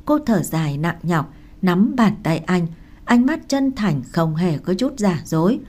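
A woman narrating a romance novel as an audiobook, calm and measured. Her voice is somewhat low and mellow, never sharp. She keeps an even storytelling pace.

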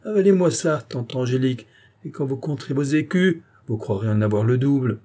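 A man's voice: mid-range voice, expressive, a little fast, warm tone, pitched above the performer's own voice, close to an everyday voice. A man voicing a jovial country priest with a teasing, bantering manner. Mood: mocking.

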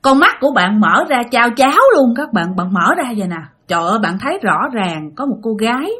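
A woman's voice: fairly high pitch, fairly quick, husky. A woman with a Southern Vietnamese accent telling a ghost story, talking straight to her listeners. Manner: animated, addresses listeners directly. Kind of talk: spoken ghost story narration.

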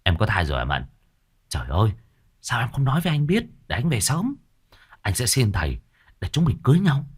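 A man's voice: medium pitch, huge pitch swings, brisk, long pauses, breathy edge, voice pushed up. A man voicing an eager young village man who pleads with his sweetheart in a ghost story.

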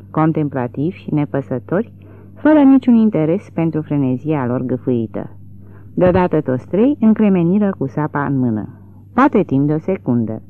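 Reading a literary novel aloud, this narrator performs it with dramatic expression in a mid-range voice. The audio has a thin, tinny quality.

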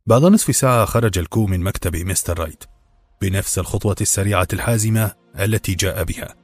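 Low-pitched male audiobook narrator, steady and measured, dry close sound, soft music bed. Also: husky, no echo. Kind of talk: scripted novel narration.

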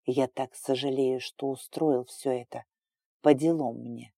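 A woman voicing a gentle, remorseful male dragon lord who speaks softly and low. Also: steady tone, measured pace, gravelly, no echo, studio quality, heavily acted. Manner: soft, low, sighing.

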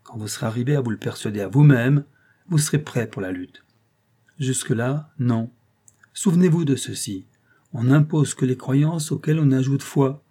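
A man's voice: medium pitch, normal speed, warm tone, husky, voice pushed up, natural voice. A man reading an audiobook voices a scheming old male clerk who speaks in a paternal, ironic and emphatic way. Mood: didactic.

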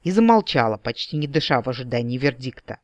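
A man's voice: medium pitch, very animated, fast, dry recording, highs cut off. Man reading a fantasy audiobook. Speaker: audiobook reader. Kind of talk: first-person fantasy audiobook narration. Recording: dry home-studio reading.

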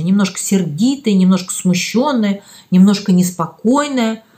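A woman narrating a children's story as an audiobook, reading in an expressive storytelling way. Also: a little high.

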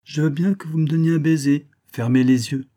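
A man voicing a small, mocking female titmouse in a storybook reading, with a high, shrill and teasing voice. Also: fairly even intonation, a little fast, mellow, natural voice.

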